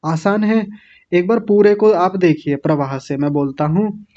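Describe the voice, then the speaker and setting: A male teacher leading an online recitation class, patiently drilling each word slowly, syllable by syllable. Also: high-pitched, dark tone, lo-fi sound.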